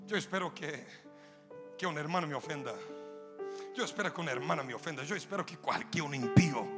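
A man preaching a sermon in a church hall, impassioned, with repetitive cadences that swell into shouting. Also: high voice, gravelly. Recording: reverberant hall with music behind.

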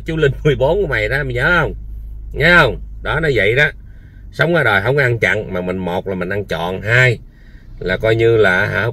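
Man doing a scolding direct-address rant, repetitive, keeps firing rhetorical questions. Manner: soft low-key product pitch. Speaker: online commentator. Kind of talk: heated personal rant to camera.

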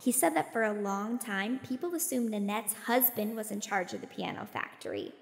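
A woman voicing a bright young girl explorer in a children's audio drama, explaining history facts in a clear storytelling way. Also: mid-range voice, very animated, moderate pace, dry recording, clean studio sound, exaggerated voice.

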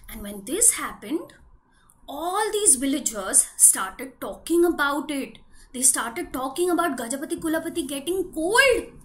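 A woman's voice: sits high, expressive, a little slow. A woman, telling a children's story expressively and dramatically, with questions to young listeners. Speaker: preschool storyteller. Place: small indoor room with bare wall.

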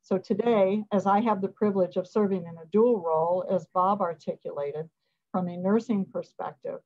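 A middle-aged woman, a hospital president, giving prepared remarks at a media briefing over a video call from an office, measured and formal. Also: mid-range voice, steady tone, a little mellow. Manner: measured, formal, reading from notes. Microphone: video call webcam. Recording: dull lo-fi video call audio.

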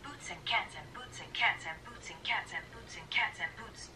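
A synthetic female voice assistant with a too smooth android sound, answering in polished, even replies from a phone. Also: medium pitch, moderate pace, a little hiss or hum. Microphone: played from a phone speaker.

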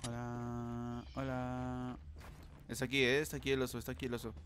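A man chatting through a match, voice in an ordinary middle register. He talks straight to his viewers and rattles off repeated words when the action heats up. Steady background noise and clicking sit under the voice. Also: mid-range voice, very fast. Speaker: gamer. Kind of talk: live gameplay commentary.

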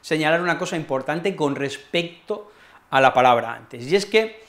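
A man with a Spain accent giving an online Spanish lesson. His voice sits notably high, and he explains in a chatty, playful way. He keeps checking in with tag questions. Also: animated, normal speed, a bit bright. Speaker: Spanish teacher.

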